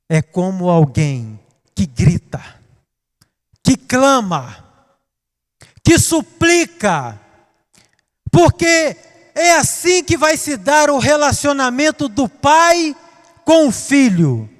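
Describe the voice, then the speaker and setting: A man with a Brazilian Portuguese accent preaching a sermon, dramatic, swinging from hushed to loud. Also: very high voice, very animated, slow pace, pauses often. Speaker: pastor. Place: church. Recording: reverberant church hall.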